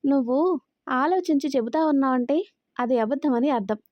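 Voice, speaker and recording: High-voiced furious young woman, a lady narrator doing her, dry dull recording. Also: moderate pace, dry recording, natural voice. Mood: angry scolding. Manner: scolding, accusing. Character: angry sharp-tongued young woman.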